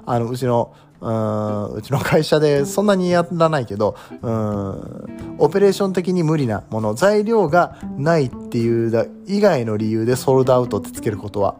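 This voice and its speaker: A man's voice: mid-range voice, lively intonation, normal speed, darkish tone, faint music behind. A man giving casual commentary as he reads an article aloud, reacting with surprise and thinking aloud as he goes.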